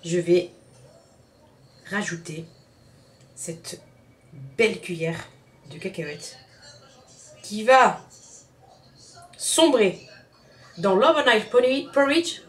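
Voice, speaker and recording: Speaking extremely slowly with frequent pauses, a woman with a mid-range voice and a Southern French accent chats through a casual cooking tutorial in her home kitchen. As a home cook demonstrating a recipe, she talks straight to her viewers and often repeats words.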